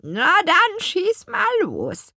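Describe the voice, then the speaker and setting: A woman voicing a kindly, forgetful old grandmother witch in an audiobook, with a raspy, croaking voice and a drawn-out, high, cracked delivery. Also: wildly swooping pitch, sharp tone, no room sound, studio quality, full character voice. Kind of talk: audiobook character voice.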